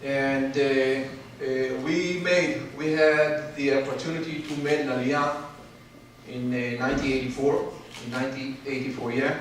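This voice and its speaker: A man from Ethiopia, probably in his forties, telling his life story as a guest speaker. He talks haltingly and pauses for fillers often. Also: medium pitch, steady tone, slight background noise. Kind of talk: personal story speech. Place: large hall. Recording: very echoey hall from far off.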